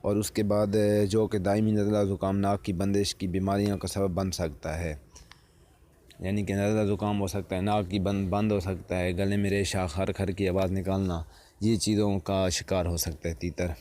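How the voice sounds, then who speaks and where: A man's voice: sits low, level tone, dark tone. A man giving spoken instructional advice on keeping partridges, often repeating and rephrasing his points and calling viewers friends.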